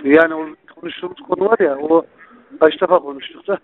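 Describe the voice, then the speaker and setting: A man with a somewhat high voice speaks over a narrow, tinny telephone line. He is informal and blunt, with coarse, familiar phrasing. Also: fast, a little hiss or hum. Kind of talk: informal phone conversation.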